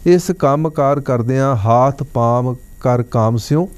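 A man giving a religious talk on TV, telling a parable and chanting scripture lines slowly. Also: medium pitch, darkish tone, clean tone. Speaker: religious speaker. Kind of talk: religious discourse on TV.

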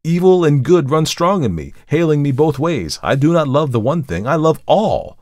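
A man's voice: on the high side, very animated, normal speed, darkish tone, no room sound, clean studio sound, voice pushed up. A man voicing a desperate male murderer who pleads his case in an impassioned, emphatic way, in a dramatic audiobook reading.

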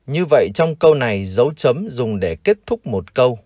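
A Vietnamese man teaching English, who reads each word slowly and repeats it for learners to copy. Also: medium pitch, big pitch swings, a little mellow, no echo, studio quality. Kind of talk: vocabulary lesson, slow model pronunciations.

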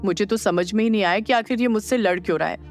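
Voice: mid-range voice, fast, soft background music, close to an everyday voice. A narrator voicing a puzzled, plaintive young man in an audio drama. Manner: bewildered, plaintive.

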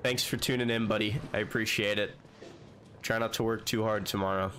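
A man's voice: on the low side, steady tone, fairly quick, a bit bright, a little hiss or hum. A man streaming a horror game, chatting and joking, with jumpy reactions to scares. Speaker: gaming streamer. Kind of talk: let's play commentary.

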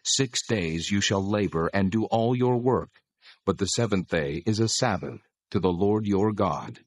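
In a dramatized reading of scripture, a male actor voices God as a solemn, commanding lawgiver. His husky, lowish voice is measured and authoritative, and there is no echo.

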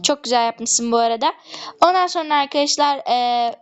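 A high-voiced woman chats casually over her gameplay. She talks to her viewers in a chatty, gossipy way and keeps drifting into complaining asides. Her voice sits well above the usual range. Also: normal speed, clear, resonant tone. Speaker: gaming YouTuber.

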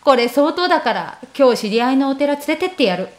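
A woman's voice: sits high, sing-song, fairly quick. A woman reading a ghost story aloud, voicing a tough, blunt middle-aged mother who gives curt orders. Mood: grim. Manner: curt, commanding, barking orders.

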